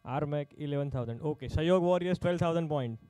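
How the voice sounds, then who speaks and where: A man's voice: on the high side, a little fast, warm tone, smooth, no echo. A man working as an auctioneer at a live sports player auction, calling out bids in short, repeated phrases.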